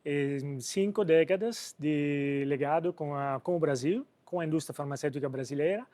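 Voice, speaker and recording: An Italian company president, interviewed as a guest, answers business questions in an Italian accent. His delivery is halting, and he hesitates often as he searches for words. His voice sits on the high side and sounds mellow, with no room sound.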